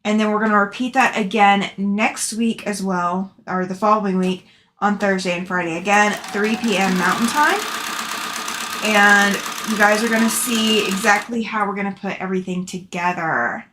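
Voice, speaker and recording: A woman's voice: mid-range voice, fairly even intonation, moderate pace, background noise. A chatty woman hosting a sewing livestream, talking casually and affectionately to viewers as she answers their comments. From Alabama, southern US. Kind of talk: casual chat, reading out and answering live comments.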